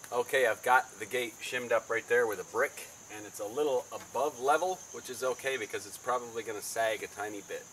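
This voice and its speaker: A man's voice: medium pitch, moderate pace, a bit bright. A man, explaining a home repair project in plain, practical terms outdoors. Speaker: DIY video host. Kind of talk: casual how-to narration. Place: outdoors in a backyard. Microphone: camera mic from a few feet away. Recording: outdoor camera audio with insect noise.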